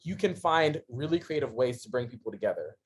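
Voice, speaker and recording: A man in his thirties, a guest on a podcast, telling his story in a casual interview, laughing often and swinging between excitement and quiet earnestness. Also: mid-range voice, a little fast, slightly rough. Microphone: podcast microphone.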